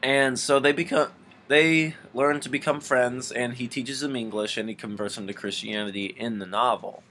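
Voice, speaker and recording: A man's voice: mid-range voice, steady tone, normal speed, fairly bright tone, slight background noise. A young man reviewing a film casually, rambling and sarcastic with many restarts.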